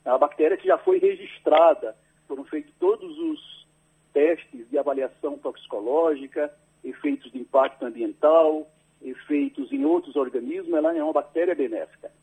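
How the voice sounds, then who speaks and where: A man's voice: a little high, big pitch swings, normal speed, dark tone, slightly rough, rough recording. A man explaining his research to a radio host over a landline phone, patient and careful, often tagging his sentences with a questioning "right?". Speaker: agricultural researcher, interview guest.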